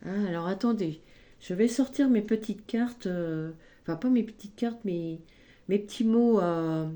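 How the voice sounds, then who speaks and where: A woman giving a spoken tarot card reading, slow and gently encouraging, often adding little tags as she goes. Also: medium pitch. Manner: slow, gentle, encouraging, frequent "hein" and "ici".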